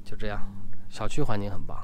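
A man's voice: on the low side, quick pace, a little hiss or hum. A man giving a casual walk-through house tour as an agent, his articulation slightly muffled by a dental retainer. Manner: slightly muffled, imprecise speech from wearing dental braces or a retainer. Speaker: real estate agent and video host. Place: inside an empty house, walking from room to room.

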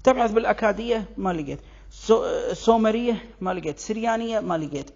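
A speaker with a Kuwaiti accent explains word origins in a rhetorical, question-and-answer style. The voice is gravelly with a husky edge, at a middle pitch. The recording sounds dull and lo-fi. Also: quick pace, darkish tone. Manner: rhetorical, poses questions and answers them, breaks in with "wait, wait". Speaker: language commentator.

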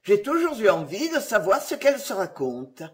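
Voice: medium pitch, very animated, normal speed, lightly acted. Narrator playing a curious, commanding caliph. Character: curious impatient caliph turned stork.

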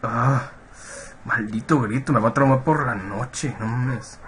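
Here the Mexican-accented gamer talks a little slowly in a mid-range, slightly bright voice, with a little hiss or hum on his webcam and computer mic. Commentating a horror game, he stays jumpy, swears, and yelps whenever something startles him.

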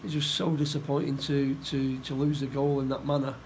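A middle-aged football manager giving a post-match interview, plain-spoken and halting, often repeating his words. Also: mid-range voice, level tone, darkish tone, slight background noise, poor audio. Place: indoor room by a stadium door.

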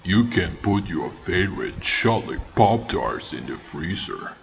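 A man voicing a big shaggy yeti mascot with a casual, halting manner in a commercial dub. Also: deep voice, big pitch swings, vocal fry, slight background noise, exaggerated voice. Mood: casual, earnest. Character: big shaggy male yeti, laid-back snack mascot.

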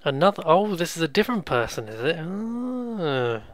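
A man's voice: a little high, sing-song, moderate pace, dry recording. A man giving casual let's play commentary, musing aloud and joking as he goes. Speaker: gaming video host.

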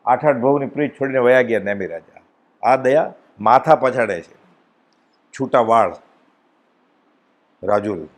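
Animated man giving a devotional discourse. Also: measured pace, pauses often. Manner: animated storytelling, acts out dialogue with swings in pitch and loudness. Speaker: spiritual speaker at a satsang.

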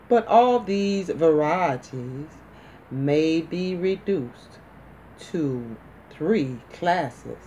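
Very slow woman reading medical dictation. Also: low-pitched, mellow, a little hiss or hum, rough recording. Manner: deliberate, in short phrases with pauses. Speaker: dictation instructor. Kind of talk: slow, measured medical dictation for shorthand practice.

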